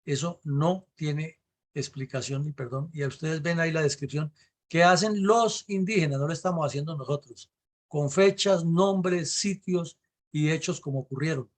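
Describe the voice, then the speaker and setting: Colombian male host, middle-aged, slightly high voice, indignant rhetorical commentary. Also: moderate pace. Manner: rhetorical, questioning.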